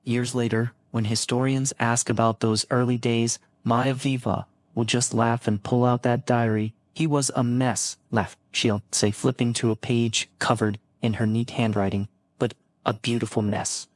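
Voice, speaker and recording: A man narrating a bedtime history story in a calm, unhurried way, with occasional filler words. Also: medium pitch, no echo.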